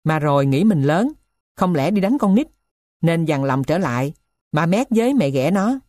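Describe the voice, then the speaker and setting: A woman narrating a novel in an even, measured reading. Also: low-pitched, dry recording, clean studio sound.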